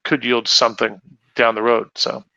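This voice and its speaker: A man's voice: mid-range voice, level tone, normal speed, creaky, pushed and bright, dry recording, poor audio. A man speaking as a guest in a casual panel discussion, thinking aloud with many restarts.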